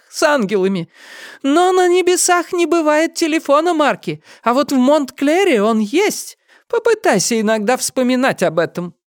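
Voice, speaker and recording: A man's voice: dry recording, studio quality. A man reading an audiobook and voicing an older mother who complains, guilt-trips and dramatizes everything. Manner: shrill, complaining, melodramatic. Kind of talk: audiobook character voice.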